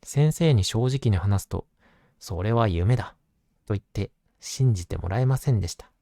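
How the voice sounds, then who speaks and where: A man narrating a children's picture book at bedtime in a gentle storytelling manner, as if soothing a child. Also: fairly low pitch, lively intonation, a little fast, vocal fry, no room sound, clean studio sound.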